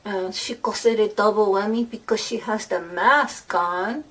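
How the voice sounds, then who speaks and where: A woman's voice: medium pitch, a little slow, fairly bright tone. A woman chatting casually as a beauty vlogger at home, rambling through asides and poking fun at herself. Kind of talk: casual chat while doing makeup. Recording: voice a bit far from the mic, faint noise.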